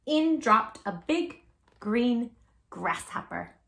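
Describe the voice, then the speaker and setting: A woman host, her voice a little high and creaky, reads a children's story aloud with animation and expression, using dramatic pauses and stretched-out emphasis.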